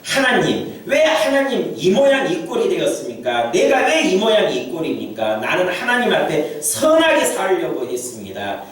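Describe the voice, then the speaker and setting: A man's voice: high-pitched, wildly swooping pitch, normal speed, few pauses. A male preacher voicing the suffering Job, an older man pleading with God in anguished, emphatic cries. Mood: complaining. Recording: very echoey hall, voice from far off.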